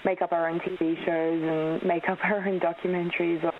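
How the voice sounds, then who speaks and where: A young Australian actress in her twenties, whose first language is Polish, chats casually in an interview with lots of ums and laughs. Her lowish voice has little pitch movement and runs a little fast, heard over a tinny, phone-like radio line with faint hiss.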